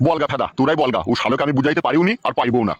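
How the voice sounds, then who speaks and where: A man's voice: medium pitch, highs cut off, very noisy, lightly acted. A man playing a foul-mouthed, angry middle-aged father in a comic skit, cursing nonstop. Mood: furious. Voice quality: shouting, rapid-fire cursing.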